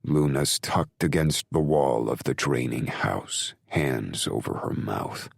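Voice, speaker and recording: Very deep, gravelly male narrator. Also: animated, dry recording, studio quality. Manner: brooding, measured, intense. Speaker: audiobook narrator. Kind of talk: first-person audiobook narration.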